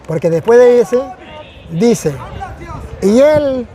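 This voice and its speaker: A man's voice: very high-pitched, lively intonation, takes it slowly, dark tone, a faint crowd. A man, a priest, speaking earnestly and reflectively in a conversational testimony, often repeating phrases for emphasis.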